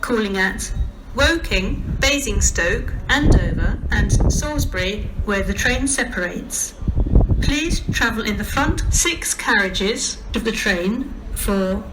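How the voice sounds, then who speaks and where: A British woman making formal, measured train station announcements, reading out scripted details item by item. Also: mid-range voice, lively intonation, distant mic. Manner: formal, measured, listing stops one by one. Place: large railway station, over public address. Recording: echoey, noisy station tannoy heard from afar. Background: station ambience noise.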